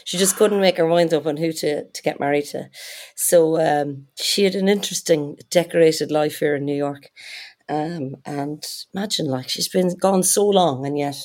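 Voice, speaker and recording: A woman's voice: deep voice, moderate pace, a little mellow. A woman, chatting casually. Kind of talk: casual chat.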